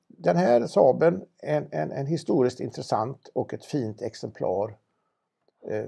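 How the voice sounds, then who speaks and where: A man's voice: mid-range voice, creaky, warm tone, husky. A man presenting a car for auction in a casual, knowledgeable chat, with frequent restarts. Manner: knowledgeable, chatty, many restarts.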